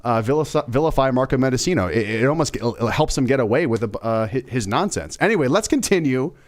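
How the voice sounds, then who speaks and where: A man's voice: medium pitch, lively intonation, brisk. A young man hosting a casual political commentary livestream, sarcastic and emphatic, repeating words for effect.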